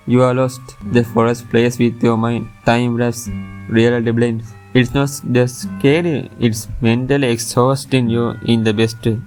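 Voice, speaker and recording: A man's voice: medium pitch, little pitch movement, a little slow, darkish tone. A man reading a scripted top ten countdown as its narrator, with music playing behind him. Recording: music under the voice.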